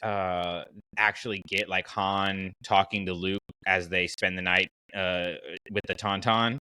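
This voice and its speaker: This podcast host has a deep, bright, forceful voice that comes across clear and resonant, though his delivery is flat and unhurried. Chatting casually about fiction, he thinks aloud and offers opinions along the way. There's no room sound in the recording.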